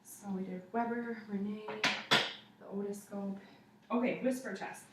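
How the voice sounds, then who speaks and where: This young woman's voice is mid-range, steady, and measured as she narrates a clinical exam step by step, student-style, for a patient and an observer. She's indoors in a living room, picked up by a camera across the room that gives a roomy, faintly noisy sound.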